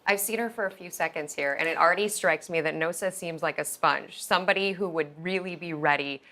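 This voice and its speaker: A woman's voice: lowish voice, brisk, sharp tone. A woman in her thirties hosting a live television broadcast, upbeat and enthusiastic as she introduces guests and asks questions. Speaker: host. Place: television studio.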